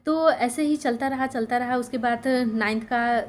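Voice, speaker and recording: A woman's voice: fairly high pitch, moderate pace, a little hiss or hum. A young woman from Sultanpur, India, a teacher telling her life story to her viewers in a casual, conversational way, often checking in with them as she goes. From Sultanpur district, Uttar Pradesh, India. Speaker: teacher and YouTuber.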